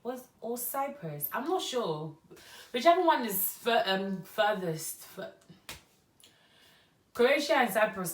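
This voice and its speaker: A young Ghanaian woman YouTuber rambles through a casual get-to-know-me vlog in a chatty, storytelling way. She speaks Ghanaian English with some Nigerian touches in a low voice, and the sound is roomy and a bit distant from the mic.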